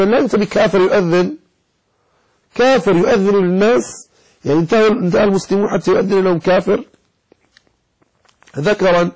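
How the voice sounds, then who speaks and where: Male sheikh, lecturing and scolding, husky and breathy, sings out prayer-call lines as examples. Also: sits high, darkish tone, low-quality recording. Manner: chants the call to prayer to show right and wrong pronunciation. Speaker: sheikh teaching Islamic jurisprudence. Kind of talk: religious lesson explaining a text.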